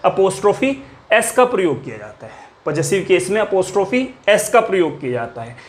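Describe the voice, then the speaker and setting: A man's voice: high voice, big pitch swings, brisk. A man teaching an English grammar lesson. He asks questions, answers them himself, repeats key words, and drops his voice on the answers. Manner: repetitive, quizzing students with questions he answers himself. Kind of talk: classroom grammar lecture.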